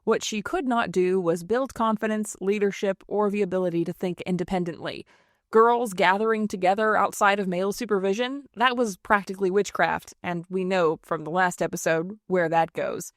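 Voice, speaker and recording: A woman's voice: medium pitch, fairly even intonation, moderate pace, no room sound, studio quality. Snarky woman narrating history. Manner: snarky, irreverent. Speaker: history podcast host.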